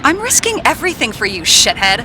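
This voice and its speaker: A woman's voice: a little high, huge pitch swings, a little fast, background noise. An actress playing a tough, candid female investigator in a video game, speaking bluntly and reproachfully to her partner. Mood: reproachful, hurt. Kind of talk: dramatic video game dialogue. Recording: loud music over the voice.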